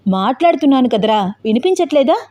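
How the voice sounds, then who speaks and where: Brief: fearless young hero, unhurried and taunting, woman storyteller reads him. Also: high voice, very animated, warm tone. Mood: coolly mocking. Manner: cool, mocking, unhurried. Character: calm fearless young man, mocking fighter.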